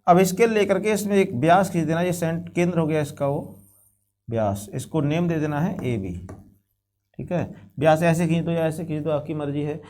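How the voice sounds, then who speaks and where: A man with a high-pitched voice teaches a classroom geometry lesson. He explains each construction step by step and repeats key phrases for his students. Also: normal speed, darkish tone, slight background noise. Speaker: math teacher.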